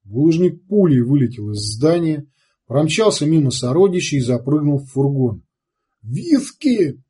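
Husky guy reading an audiobook, dark voice, steady. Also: fairly high pitch, normal speed. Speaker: audiobook narrator. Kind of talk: scripted narration.

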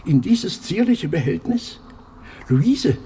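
An actor playing an aging inkwell collector in a radio play, who broods quietly and then flares up into shouting. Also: male voice, fairly high pitch, sing-song, slow pace, slight background noise. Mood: brooding. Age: older.

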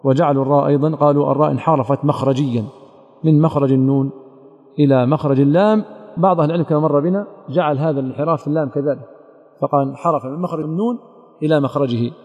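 A man lectures as a sheikh in a quick, methodical delivery and speaks directly to a student. His voice is gravelly and mellow. The recording carries a long hall reverb. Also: a little high, muffled recording. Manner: methodical, addresses a student directly, quotes scholars. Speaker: sheikh teaching recitation rules. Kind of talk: explanatory lecture on a didactic poem.

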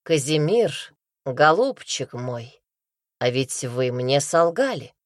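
A woman reading an audiobook voices a suave male investigator who speaks in a soft, purring, gently condescending way, lowering her pitch for him. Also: big pitch swings, slow pace, dry recording, studio quality, heavily acted.

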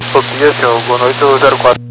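A man, a pilot over the radio, reading back clearances in clipped, brisk radio phraseology. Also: medium pitch, little pitch movement, over music, low-quality recording. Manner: clipped, brisk readbacks of numbers. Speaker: airline pilot. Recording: loud static on a radio channel.

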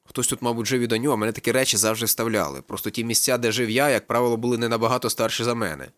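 A man's voice: medium pitch, steady tone, racing, a bit bright, no echo. A man narrating a literary audiobook in a laconic, ironic storytelling manner. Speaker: audiobook reader.

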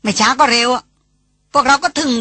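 A woman's voice: fairly high pitch, normal speed, fairly bright tone, dry recording. A woman voicing a headstrong young woman who scolds and speaks with sarcasm in an audiobook. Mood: scolding. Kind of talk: audiobook character reading.

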